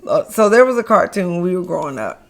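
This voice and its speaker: A woman's voice: fairly low pitch, sing-song, fast, creaky. A middle-aged mother chatting as an interview guest, playful and laughing often, repeating words for emphasis. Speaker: guest, mother and business founder. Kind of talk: casual conversational interview.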